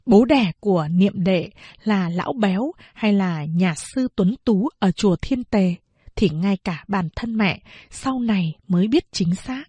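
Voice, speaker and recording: A woman narrating a novel as an audiobook, in a slow, measured storytelling manner. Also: mid-range voice, lively intonation, warm tone, breathy edge, no echo.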